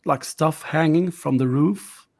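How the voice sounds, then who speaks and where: A man's voice: on the high side, slow pace, gravelly, a little mellow. A man with Swedish as his first language narrating a tabletop horror game as game master, rambling and searching for words.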